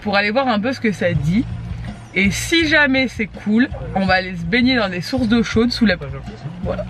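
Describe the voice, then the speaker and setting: A woman's voice: medium pitch, lively intonation, normal speed, a bit bright, soft background music. A woman chatting casually to camera as a vlogger, with a slight lisp from wearing a retainer. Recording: noisy outdoor and vehicle background.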